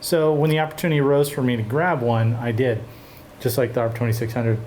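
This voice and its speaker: A man hosting a casual chat about synthesizers, relaxed and rambling with fillers and restarts. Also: medium pitch, quick pace, slight background noise. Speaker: host of a synthesizer show.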